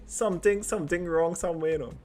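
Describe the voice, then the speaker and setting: A man with a Trinidadian accent chatting casually and telling anecdotes in animated Creole, repeating phrases for emphasis. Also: a little high, quick pace, soft background music. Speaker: podcast host.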